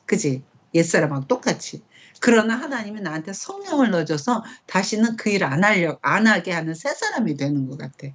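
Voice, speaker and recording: A middle-aged woman leading a casual Bible study. She talks in a conversational way and often checks in with quick rhetorical questions. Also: mid-range voice, big pitch swings, lo-fi sound.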